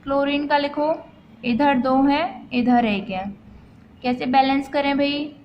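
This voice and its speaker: High-voiced woman teaching chemistry. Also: unhurried, lo-fi sound, a little hiss or hum. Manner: talks to students as children, asks and answers her own questions. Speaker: science teacher. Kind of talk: explaining chemistry step by step.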